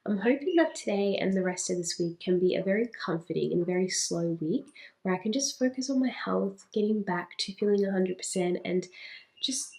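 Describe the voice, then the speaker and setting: A young woman chatting slowly and softly in a vlog, stuffy and congested from a cold, sounding tired. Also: medium pitch, gravelly. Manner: soft, tired, unhurried talk with light laughs. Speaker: vlogger. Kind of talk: chatty slow vlog talk.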